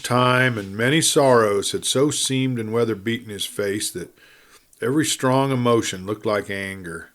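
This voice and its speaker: With a lowish, slightly bright voice, this narrator reads a western audiobook. His storytelling is deliberate and measured, marked by dramatic pauses.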